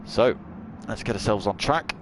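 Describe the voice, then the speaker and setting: The commentator here is a man with a fairly low, animated voice speaking at normal speed. He streams and calls an online racing event live, chatty and joking, dropping dad jokes between updates. Loud racing engines and track sounds sit behind him.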